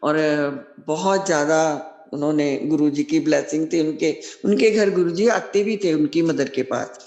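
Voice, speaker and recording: A woman's voice: low-pitched, normal speed. A middle-aged woman sharing a devotional testimony as spoken storytelling, acting out quoted dialogue and repeating devotional refrains. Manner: animated storyteller who acts out quoted dialogue. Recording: echoey room.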